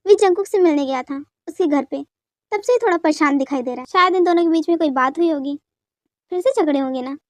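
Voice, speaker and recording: A woman voicing a middle-aged father who speaks gently and reassures his son and wife, in a dubbed fan story. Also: high voice, fast talker, no echo, studio quality, close to an everyday voice. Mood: calm. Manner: gentle, steady.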